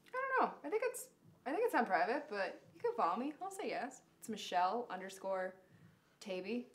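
A woman's voice: fairly high pitch, big pitch swings, a little fast. A woman in her twenties co-hosting a casual live stream, chatty and giggly. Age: 20s. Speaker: co-host of a shop live stream.

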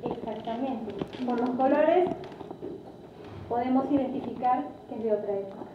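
A woman's voice: a little high, normal speed. A woman giving a guided tour explanation in a didactic way, often putting questions to her group. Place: large echoey indoor room. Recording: lo-fi, noisy, very echoey, distant mic.

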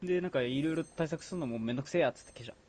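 A man chatting casually on a game stream, making low-key, mumbled asides. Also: very fast, noisy background. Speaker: streaming co-player. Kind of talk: casual gaming chat.

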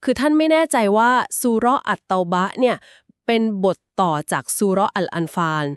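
A woman co-hosting a podcast, calmly and patiently explaining things step by step. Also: medium pitch, fairly quick, no room sound, clean studio sound. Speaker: podcast co-host explaining Quran etiquette.

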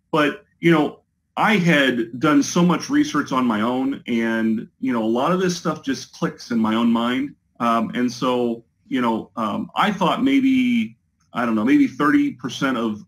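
A man's voice: medium pitch, poor audio. A man speaks over a choppy video call from his home office, giving a testimonial in an interview. He talks hesitantly, with many ums, you-knows and restarts. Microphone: video call with a poor connection.

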